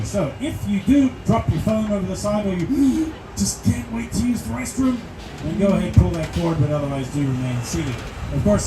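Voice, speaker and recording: A man leading a studio tram tour over a loudspeaker, an upbeat showman prompting the crowd. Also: high-pitched. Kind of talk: live tour guide spiel. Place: open-air studio tram. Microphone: tram PA microphone. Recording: echoey loudspeaker amid loud crowd and music.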